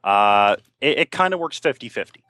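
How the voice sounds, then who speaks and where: A man with a middle-pitched voice rambles through a story, full of fillers and restarts. His voice sits on a dry, close voice-chat mic with no room sound. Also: lively intonation, moderate pace, pushed and bright, no room sound. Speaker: guest on a stream. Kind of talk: casual chat over voice call.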